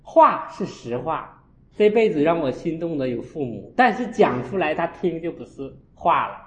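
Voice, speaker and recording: A man, a Buddhist monk, giving a storytelling dharma talk and acting out his own scolding with sharp jumps in voice. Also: fairly high pitch, sing-song, moderate pace. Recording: echoey, dull lo-fi room.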